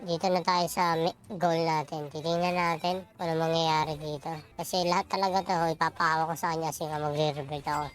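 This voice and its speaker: A gamer chatting casually to followers while playing, with the voice run through a pitch-shifting voice changer. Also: level tone, fast, few pauses. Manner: chatty, keeps calling viewers "pre". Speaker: Roblox gamer addressing followers. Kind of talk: casual gameplay commentary.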